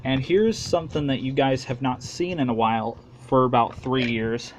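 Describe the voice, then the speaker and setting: This medium-pitched American man, a hobbyist filming a home video, shows and tells in a casual, plain-spoken way that's a bit halting. There's slight background noise.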